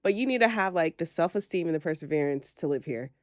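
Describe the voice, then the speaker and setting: A woman hosting a podcast, chatting casually in a slangy, animated way with quick asides. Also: low voice, no echo, clean studio sound. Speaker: podcast host. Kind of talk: casual gossip chat. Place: lives in New York.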